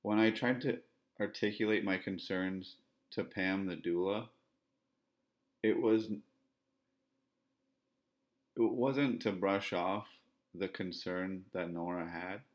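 A man from Ontario hosts a podcast and speaks in monologue, his voice sitting low. He calls himself monotone, and his flat delivery comes with measured, repetitive phrasing.

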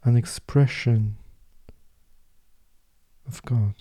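A man guiding a meditation as host, speaking in a soft, slow, soothing way. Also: mid-range voice, fairly even intonation. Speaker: meditation podcast host and guide. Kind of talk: guided meditation narration.

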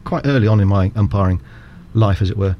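A man working as a cricket umpire, explaining rules in a measured, formal way as an interview guest. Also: fairly low pitch, highs cut off, a little hiss or hum. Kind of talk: conversational interview.

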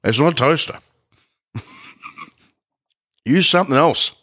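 A man's voice: on the high side, animated, slow pace, a bit bright, breathy edge. A man co-hosting a podcast, rambling casually with swearing and laughter while eating. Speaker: podcast co-host. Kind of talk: casual banter with a co-host.

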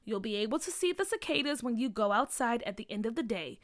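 A woman voicing a calm, patient schoolteacher giving instructions to a class. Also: on the high side, fast talker, natural voice.

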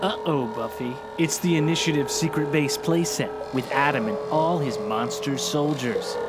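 A man voicing an excited announcer in a parody toy commercial for children. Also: a little high, normal speed, heavy background noise, lightly acted. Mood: hyped, dramatic. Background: loud music.

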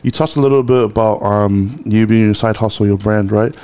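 Low-voiced podcast host, hesitant. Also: male voice, fairly quick, dark tone, smooth. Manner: hesitant, lots of fillers, friendly slang. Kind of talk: casual chat.

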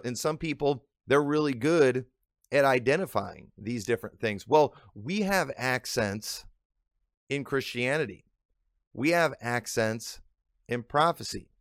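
A man's voice: mid-range voice, fairly bright tone, no room sound. Pastor guy chatting about prophecy on his podcast, earnest, lots of restarts, dry close sound. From Illinois. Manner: earnest, with frequent restarts and drawn-out emphasis. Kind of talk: conversational teaching monologue.

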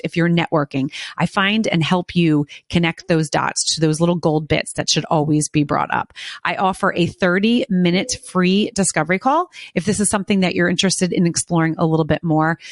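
A woman's voice: lowish voice, no echo. A woman hosting a podcast, introducing a guest and promoting her storytelling consulting with upbeat enthusiasm.

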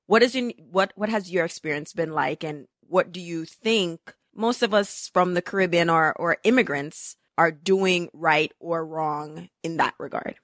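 A woman's voice: on the low side, measured pace, hardly any pauses, a bit bright, no room sound, studio quality. A woman hosting a podcast in an enthusiastic, upbeat way, introducing and interviewing her guest. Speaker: podcast host.

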